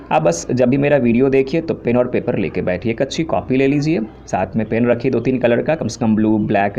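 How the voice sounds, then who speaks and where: A man's voice: medium pitch, dark tone. A man from India teaching English grammar in Hindi, listing terms steadily and explaining each in simple asides. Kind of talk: classroom lecture. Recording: dull lo-fi recording with faint hiss.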